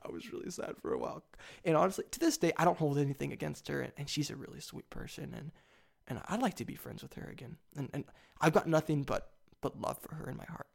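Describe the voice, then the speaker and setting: A nineteen-year-old man hosting a solo podcast, rambling eagerly with sudden excited leaps in pitch. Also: fast, gravelly. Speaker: podcast host.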